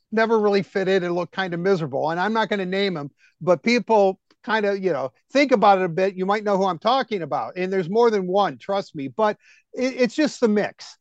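A man co-hosting a hockey talk show, rambling excitably and full of fillers and restarts. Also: high-pitched, dry recording, dull audio. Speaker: co-host. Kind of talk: casual sports chat.

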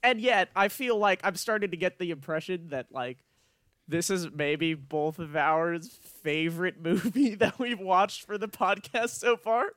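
A man's voice: high-pitched, a little slow, fairly bright tone, clear, resonant tone, no echo. A man in his twenties co-hosting a podcast, chatting casually and irreverently about a film, swearing and laughing easily. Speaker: podcast co-host.

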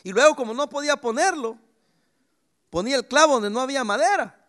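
A man preaching a sermon as pastor, lively and anecdotal, with sudden jumps in pitch. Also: fairly quick.

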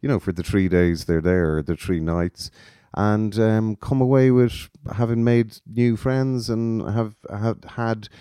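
A middle-aged man with a west of Ireland accent and a low, mellow voice. He chats loosely as an interview guest, wandering off and cutting back into his own sentences. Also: fairly even intonation, unhurried, smooth, no echo, clean studio sound. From Galway, west of Ireland. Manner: rambling, self-interrupting. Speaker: interview guest, festival organiser. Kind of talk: casual podcast interview.

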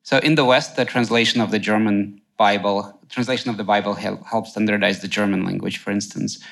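Male audience member; measured question, low and gravelly. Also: steady tone, a bit bright.

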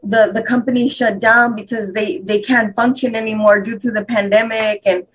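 A woman's voice: fairly high pitch, steady tone, moderate pace, husky, low-quality recording. Woman recounting with many fillers. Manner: conversational, heavy use of "you know" fillers. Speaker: interview guest. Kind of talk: personal account in a radio interview.

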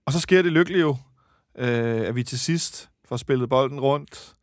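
A man's voice: mid-range voice, no room sound. Guy rambling on about yesterdays match, chatty fan talk, dry sound. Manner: chatty, rambling, self-correcting. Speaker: football podcast host.

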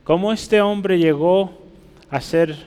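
A man's voice: high voice, slow pace, a little mellow, clean tone, long reverb tail. Man preaching a teaching sermon. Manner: teaching, rhetorical questions, asks listeners for agreement; writes on a board while speaking.

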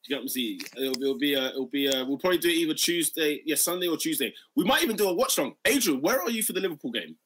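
A man in his thirties hosts a football podcast in a London roadman accent. His voice is bright and punchy, set a little high. He talks in casual street slang and often repeats his phrases. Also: lively intonation, quick pace, few pauses. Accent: London, urban roadman slang style. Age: 30s. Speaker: podcast host and DJ.

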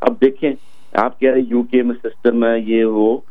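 A man talks very fast over a tinny phone line. He is insistent, repeats his words and switches between Urdu and English. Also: medium pitch, flat delivery. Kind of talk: heated discussion mixing Urdu and English.

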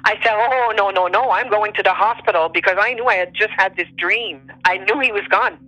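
Bright-voiced non-native English-speaking woman, searching for words. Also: medium pitch, brisk, dry recording, poor audio. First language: not English. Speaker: interview guest telling personal stories. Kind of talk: personal storytelling, conversational.

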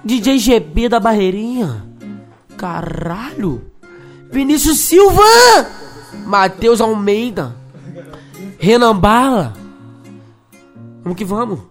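A man from Brazil, a DJ, rattling off crude, rowdy shout-outs over a mix, yelling names and laughing. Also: high voice, big pitch swings, slow pace, long pauses. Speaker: DJ giving shout-outs on his podcast mix. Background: funk music beat.

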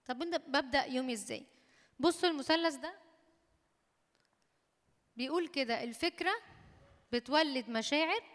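A woman with an Egyptian Arabic accent preaches in a lively, conversational teaching style. Her voice sits high and her words come quickly. The sound carries a long hall reverb. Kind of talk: sermon.

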